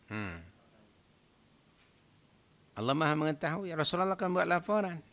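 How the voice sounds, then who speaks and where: Animated male preacher, lively rising voice. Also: on the high side, moderate pace. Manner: animated, rhetorical questions to listeners, swelling to loud emphatic points; mixes in English words. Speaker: religious teacher. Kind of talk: religious lecture to a congregation.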